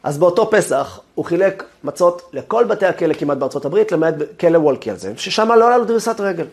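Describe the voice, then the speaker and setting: A man, a rabbi, giving a lesson as an animated, dramatic storyteller. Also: sits high.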